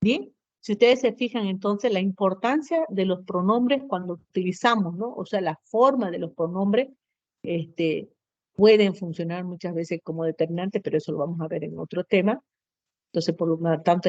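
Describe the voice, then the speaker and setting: In a lowish, slightly mellow voice at normal speed, a woman gives a patient Spanish grammar lesson to students. She habitually tacks on brief tag questions and answers herself. The dry, lo-fi recording sounds dull, with no room sound.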